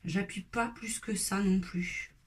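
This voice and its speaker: A woman hosting a step-by-step coloring tutorial, talking in a casual, relaxed way with fillers and dropping at times to a whisper. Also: mid-range voice, takes it slowly, husky.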